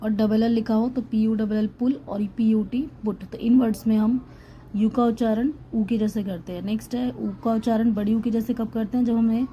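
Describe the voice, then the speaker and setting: A woman's voice: fairly high pitch, fairly even intonation, normal speed, warm tone, slight background noise, poor audio. A woman teaching English pronunciation in a lesson voice-over, spelling words letter by letter and then sounding them out.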